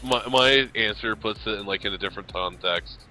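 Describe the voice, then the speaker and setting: Bright-voiced, expressive man. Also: on the low side, a little fast, soft background music, poor audio. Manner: expressive, exclaims and laughs at cards. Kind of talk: casual online game chat.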